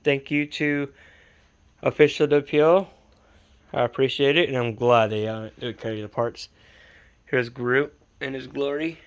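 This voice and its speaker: A man's voice: medium pitch, fairly even intonation, a little slow, pauses often, clear, resonant tone, muffled recording. A man filming a casual update on his model truck late at night, sleepy and rambling in an easygoing way, stopping to correct himself. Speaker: RC hobby vlogger. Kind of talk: casual build update vlog.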